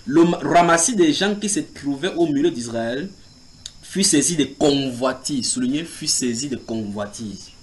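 A man's voice: mid-range voice, unhurried, a little hiss or hum. A man preaching in a house church, teaching from the Bible, reading scripture aloud and putting questions to his listeners. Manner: animated, asks the group questions and reads scripture aloud.

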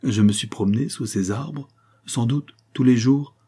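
A man's voice: medium pitch, unhurried, dark tone, breathy edge, pitched above the performer's own voice. A man reading the lines of a cold, scheming young viscount in an audiobook, cool and insistent.

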